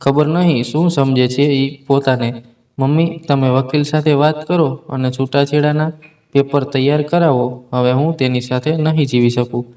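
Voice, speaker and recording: A man voicing an angry, defiant young wife in a spoken story, in a sharp tone. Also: medium pitch, steady tone, normal speed, close to an everyday voice.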